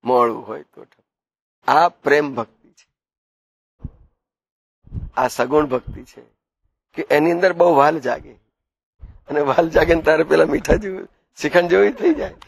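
A male preacher with a gravelly, husky voice gives a devotional discourse. He tells stories and turns to his listeners with questions. The sound is dry and close. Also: fairly high pitch, moderate pace, long pauses, no room sound. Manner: storytelling, asks the listeners questions.

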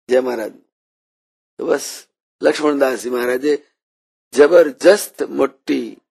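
A man delivers a devotional sermon in a rough, gravelly voice with a breathy, husky edge. He moves between storytelling, quoted voices and recited verses. His volume climbs high and falls away again. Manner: storytelling with quoted voices and Sanskrit verses, dynamic swings in loudness. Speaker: preacher.

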